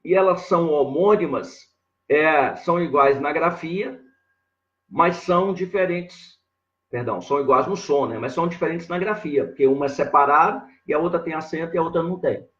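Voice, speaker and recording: A man teaching grammar in a live online lesson, talking slowly and repeating himself as he points things out on a board. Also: a little high, fairly bright tone, muffled recording. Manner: slow and repetitive, constantly saying "ó" and "olha lá" while writing on a board.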